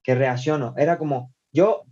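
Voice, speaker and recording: Laid-back man with a dark, dull-sounding voice. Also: medium pitch, normal speed, breathy edge. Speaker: guest singer. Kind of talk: casual podcast chat.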